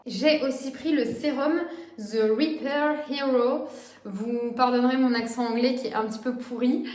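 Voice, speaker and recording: A woman in her twenties chats casually in a beauty vlog, hesitating often and filling pauses with "euh." Her voice is a little high and darkish, with fairly even intonation at a moderate pace, and the room sounds echoey.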